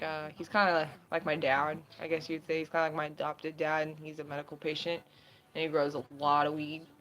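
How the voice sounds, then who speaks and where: A woman's voice: deep voice, a bit bright, low-quality recording. A woman vlogging in casual chat, with a laid-back, slangy, sweary stoner way of talking.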